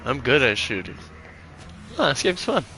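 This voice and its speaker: A man giving casual gameplay commentary as a streamer, excitable, profane and joking. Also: medium pitch, normal speed, a little hiss or hum. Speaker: gaming streamer.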